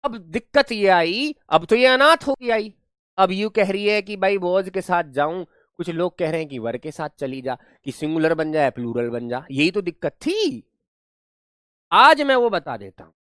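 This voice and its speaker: A man's voice: high-pitched, very animated, moderate pace, a bit bright, clear, resonant tone, dry recording, clean studio sound. A man teaching English grammar in a live online class, explaining through playful rustic storytelling.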